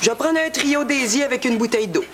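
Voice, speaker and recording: A woman's voice: high-pitched, quick pace, loud music behind the voice, lightly acted. Actress as a brash, flirtatious woman contest judge. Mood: businesslike. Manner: blunt, gushing over looks. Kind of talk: TV sitcom acting.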